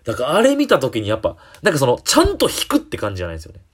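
A young man, hosting a casual solo talk show, animated and full of fillers. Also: mid-range voice, husky. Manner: animated, many fillers, jumps between quick and drawn-out phrasing. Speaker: comedian podcast host.

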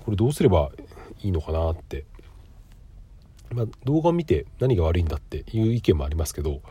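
A man's voice: sits low, very animated, fast talker, mellow, husky. A middle-aged man with a nasal, congested voice from a cold, hosting a casual solo podcast in a polite, explanatory way. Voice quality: nasal, stuffy voice. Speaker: podcast host. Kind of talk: casual solo monologue with frequent filler pauses.

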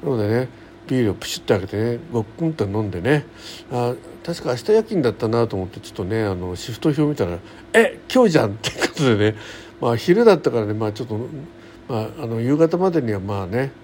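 On his solo radio show, a middle-aged man rambles through everyday anecdotes in a casual, folksy, colloquial style. He speaks fast with a sing-song delivery at medium pitch, and his tone is a little mellow. There's faint noise in the background.

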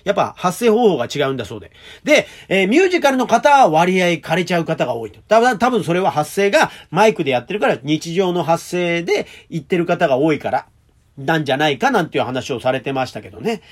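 A stage performer hosting his own talk show, telling stories in a chatty, animated way with polite old-fashioned phrasing and self-deprecating humor. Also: fairly high pitch, fast talker. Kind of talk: casual solo talk.

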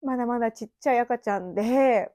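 A woman in her thirties hosts a casual solo podcast from an empty house, recording on a phone app mic. She reminisces in a rambling, chatty way, with little laughs. Her voice is on the high side and dark, she talks fast, and there's no room sound.

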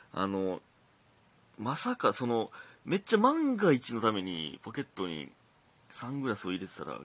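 Husky Kansai man, chatty and lively. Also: lowish voice. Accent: Kansai Japanese. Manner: chatty, rambling storytelling with frequent restarts. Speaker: comedian hosting a solo talk show. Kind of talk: casual monologue.

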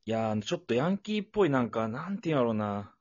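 A man from Fukuoka telling animated stories and chuckling often in a casual podcast chat. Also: mid-range voice, quick pace, dry recording. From Fukuoka, Japan. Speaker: podcast co-host. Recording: dull lo-fi dry audio.

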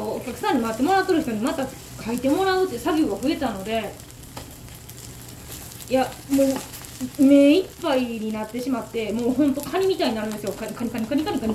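A woman's voice: high-pitched, slight background noise. A woman with a Kansai accent, a takoyaki shop owner, telling a story in casual, exasperated chat. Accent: Kansai Japanese. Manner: animated, exasperated ranting. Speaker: takoyaki shop owner hosting a radio talk. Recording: roomy echo. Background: faint sizzle of takoyaki frying.

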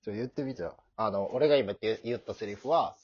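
A young man with a Kansai Japanese accent hosting a casual comedic chat, animated and prone to loud high-pitched shouted bits. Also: fast talker, husky, no room sound, lo-fi sound. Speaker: podcast host.

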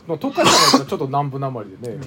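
A man co-hosting a casual podcast chat, eagerly agreeing and chiming in with quick repeated affirmations. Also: mid-range voice, wildly swooping pitch, crowd noise. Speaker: podcast co-host.

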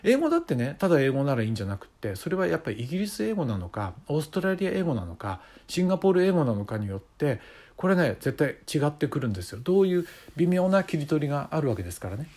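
A man's voice: a little high, very animated, fast, few pauses, darkish tone. A middle-aged man hosting a casual solo talk show, musing in a conversational way with many fillers. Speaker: podcast host.

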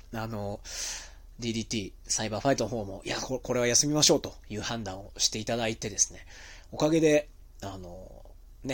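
A man's voice: mid-range voice, breathy edge. A man hosting his own talk show as a pro wrestler, rambling casually on his own with a slightly stuffy, nasal voice from being ill. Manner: chatty, rambling, with many fillers. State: stuffy nose, a bit nasal while recovering from illness. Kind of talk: casual solo monologue.

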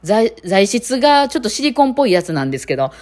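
With a somewhat high, sing-song, slightly mellow voice, this woman races through a casual solo chat as a podcast host. She rambles with plenty of fillers and has a Kansai accent of the Kitakawachi dialect, being from the Kitakawachi area of Osaka, Japan.

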